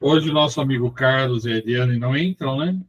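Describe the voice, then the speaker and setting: Man, mid-pitched voice, friendly organizer of a meeting over a video call. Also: fairly quick, muffled recording. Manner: friendly, brief affirmations. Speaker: meeting coordinator. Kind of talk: casual chat, organizing a meeting.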